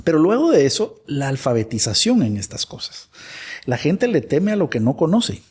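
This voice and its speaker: Man, from Guatemala, husky voice, animated interview guest. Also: fairly high pitch, normal speed. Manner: animated, acts out imagined dialogues. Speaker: guest expert. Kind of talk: conversational interview.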